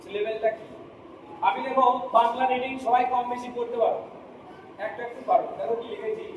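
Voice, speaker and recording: A man's voice: very high voice, brisk, lo-fi sound. A male teacher giving a classroom lesson, who spells words out letter by letter and keeps asking the class if they follow. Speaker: English teacher. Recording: echoey room from far off, noisy.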